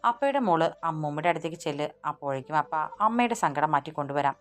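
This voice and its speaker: Woman reading a hurt young husband, urgent questions, low voice, faint music under it. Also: expressive, fast talker. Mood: gentle. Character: anxious loving young husband, pressing and hurt.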